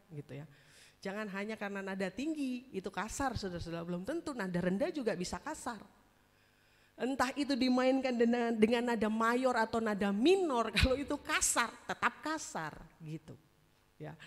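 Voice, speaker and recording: A woman with an Indonesian accent preaching a sermon in a casual, conversational way, tagging her sentences with "ya" and calling the congregation "saudara-saudara". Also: medium pitch. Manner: conversational, tags phrases with "ya" and "gitu", addresses "saudara-saudara". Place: large church hall. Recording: long church hall reverb.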